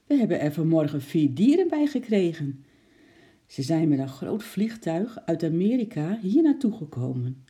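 A lady reading as a jolly zoo uncle, cheerful, explains stuff, mellow dark tone. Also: sits low, big pitch swings, normal speed. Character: cheerful uncle zookeeper, friendly man.

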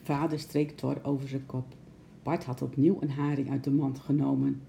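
A woman narrating a children's story aloud in a gentle, expressive way. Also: rumbling low, moderate pace, creaky, slight background noise.

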